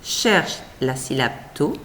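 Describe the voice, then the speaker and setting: A woman's voice: extremely low pitch, very animated, takes it slowly, fairly bright tone, a little hiss or hum. A woman teacher reading out a scripted reading lesson for young children, splitting words into careful syllables and encouraging the child.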